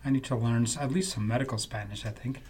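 A man's voice: medium pitch, fairly even intonation, fast, darkish tone. A man co-hosting a casual podcast, a physical therapist who chips in with playful teasing remarks.

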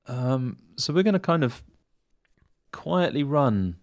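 Male player planning out loud. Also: medium pitch, sing-song, takes it slowly. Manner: plans out loud, repeats words. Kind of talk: casual tabletop game play.

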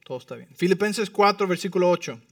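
A man with a fairly high voice delivers a sermon from a pastor's pulpit. He keeps checking in with the congregation and moves between hushed asides and emphatic lines. He sounds set back from the microphone, in a dry, unreverberant space. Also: animated, fast talker, no echo, far from the mic. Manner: frequent tag questions to the congregation. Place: church.

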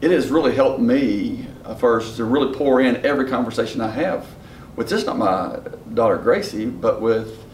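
A middle-aged man with a West Virginia Appalachian accent, talking in a halting, folksy, reflective way as he searches for words. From West Virginia, United States. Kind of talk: casual reflective discussion. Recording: echoey room, distant mic, background rumble.

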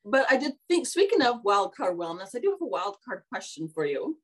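A woman's voice: mid-range voice, sing-song, fairly quick. A woman co-hosting a podcast in casual chat, her enunciation slightly impeded by braces and elastics. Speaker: podcast co-host.

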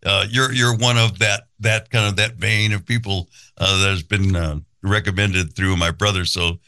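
Male interview host, fairly low voice, bright tone, hesitant delivery full of fillers. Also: fairly even intonation. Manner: halting, many fillers and restarts. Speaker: podcast host. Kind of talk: casual interview.

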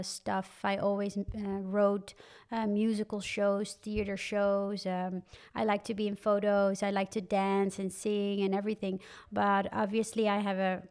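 A woman's voice: mid-range voice, darkish tone, clean tone. A young woman from the Netherlands, a guest on a podcast, chatting casually and animatedly with frequent fillers and laughs. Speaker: guest, wine content creator. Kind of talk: casual interview chat.

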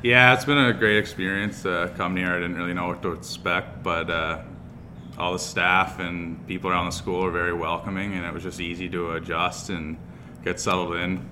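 A man's voice: sits low, flat delivery, moderate pace, pushed and bright, slight background noise. A man, answering interview questions casually as a student athlete. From Cape Breton, Nova Scotia. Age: 20s. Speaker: interview guest, university hockey player.

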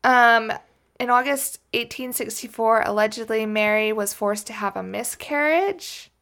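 A woman's voice: a little high, unhurried, a bit bright. A woman co-hosting a casual true-crime podcast, rambling and joking and laughing often as she tells the case. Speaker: podcast co-host.

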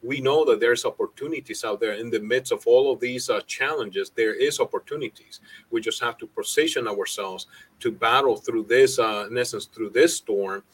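Earnest man talking business, halting. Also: medium pitch, breathy edge, low-quality recording. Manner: halting, many fillers and restarts, earnest. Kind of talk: casual business chat.

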